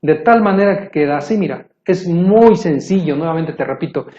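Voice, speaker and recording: A man teaching English grammar to viewers, explaining patiently and repeating himself, slowing down to spell out the English example phrases. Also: a little high, lively intonation, dark tone, dull audio.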